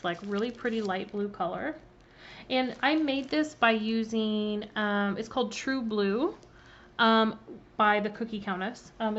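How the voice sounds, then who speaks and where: A woman chatting her way through a live-streamed cookie-decorating demonstration, greeting viewers by name with plenty of ums. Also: a little high. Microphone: laptop mic. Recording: slightly muffled, faint background noise.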